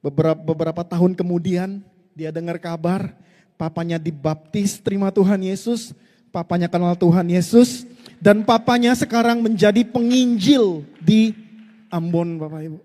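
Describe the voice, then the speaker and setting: High-voiced pastor in a reverberant hall. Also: male voice, normal speed, dark tone. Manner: storytelling preacher who often addresses the congregation; leads the congregation in call-and-response. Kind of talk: sermon. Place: church hall.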